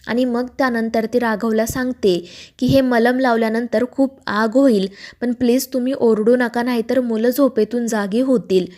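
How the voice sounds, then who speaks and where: A woman reading a scripted recap of a TV serial episode, telling the story and reading the characters' quoted lines in her own steady voice. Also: a little high, moderate pace.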